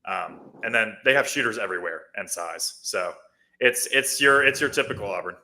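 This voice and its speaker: A man with a fairly low voice gives casual basketball analysis on a talk show. He is chatty and thinks aloud, restarting his sentences and leaning on fillers. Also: lively intonation, normal speed, creaky, bright, forceful tone.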